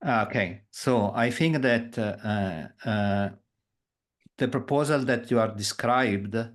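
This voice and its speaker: Guy on a video call, bit low voice, stops and fixes his words a lot. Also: slow pace. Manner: hesitant, self-correcting phrasing. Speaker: project maintainer in an online meeting. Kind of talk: technical meeting discussion.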